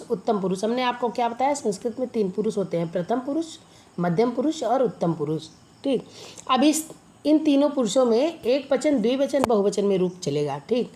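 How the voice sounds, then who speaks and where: A woman's voice: on the high side, mellow. A woman teacher explaining a grammar lesson, asking questions and answering them herself, then reciting verb forms for students to repeat.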